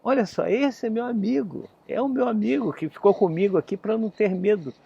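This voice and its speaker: A man voicing a calm, trusting little boy of four or five, speaking gently and cheerfully in a spoken story. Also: sits high, brisk, creaky, slightly rough, dull audio, pitched above the performer's own voice, full character voice.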